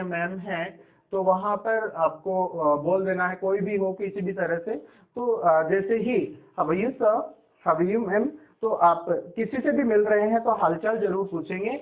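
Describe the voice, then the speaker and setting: A man teaching spoken English as a lesson, explaining slowly and repeating himself with fillers. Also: high voice, poor audio. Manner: slow, repetitive explaining with fillers.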